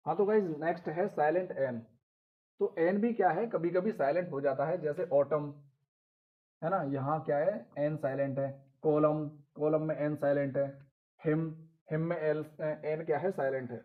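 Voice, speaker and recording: A man's voice: fairly high pitch, steady tone, fairly quick. A man teaching English pronunciation in Hindi, step by step, spelling out letters and repeating each rule for his viewers. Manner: addresses viewers as "guys". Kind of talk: Hindi classroom-style lesson. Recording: tinny phone-like sound.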